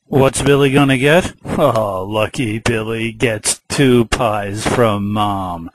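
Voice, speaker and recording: A man's voice: lowish voice, slow pace, a little hiss or hum, low-quality recording. A man teaching a math lesson patiently, repeating key words and explaining through a simple story.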